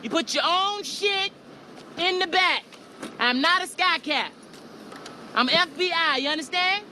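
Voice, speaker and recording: An actor playing a rude, impatient male FBI detective who talks fast, shrill and bossy, swearing freely. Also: exaggerated voice. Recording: film clip with loud street noise.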